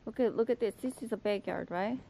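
A woman with a Korean accent, chatting excitedly through a vlog in a snowy backyard and asking lots of questions. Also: mid-range voice, quick pace, vocal fry, slight background noise, rough recording. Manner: excitable, exclamatory, asks many questions. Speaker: vlogger and English teacher. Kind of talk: casual vlog chat.

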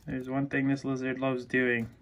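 A man narrating a casual pet-care vlog in the reptile room of his home, speaking at a middling pitch. He talks fondly to his lizards, coaxing and praising them, breaking into excited exclamations along the way. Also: normal speed, muffled recording, a little hiss or hum. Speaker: reptile keeper and channel host. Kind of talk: casual vlog narration while feeding pets.

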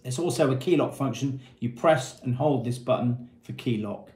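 This is an informal presenter for a marine equipment retailer, a man in his fifties whose medium-pitched, slightly mellow voice moves at a moderate pace. His walkthrough is plain and methodical, in short phrases, recorded at a table in an echoey small indoor room with painted block walls.

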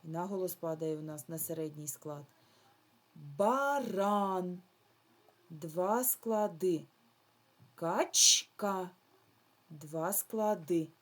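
A woman primary school teacher giving a slow, patient remote lesson to young children, drawing out her words. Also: low voice, warm tone.

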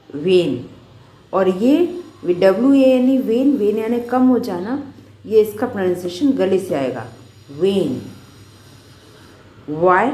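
Slow, mellow woman teaching pronunciation. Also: mid-range voice, reverberant, poor audio. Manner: slow, drawn-out word drills, repeating each word; explains in Hindi, reads English sentences slowly. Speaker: English teacher. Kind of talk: pronunciation lesson.

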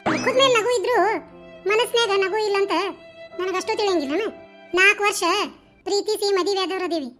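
A woman's voice: very high voice, brisk, long pauses, a bit bright, faint music behind. A woman voicing a young cartoon wife with a North Karnataka accent, chatty and nagging. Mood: wistful. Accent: North Karnataka Kannada.

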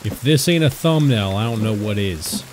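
A man's voice: normal speed, a little hiss or hum. A man hosting a gaming video, talking casually to himself and his viewers as he plays. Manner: chatty, talks to himself and the viewers while playing; gets loud and high when excited. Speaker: gaming channel host. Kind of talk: casual gameplay commentary. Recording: game music and rain sounds behind the voice.

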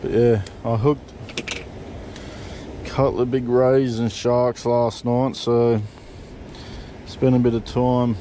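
A middle-aged Australian man talks through a fishing rig in a relaxed, mellow voice, dropping casual swear words as he goes. He is recorded on a body camera at the back of a parked vehicle, with a faint hum behind him. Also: medium pitch, takes it slowly, long pauses. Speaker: fishing vlogger. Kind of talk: casual how-to chat. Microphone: point-of-view body camera.

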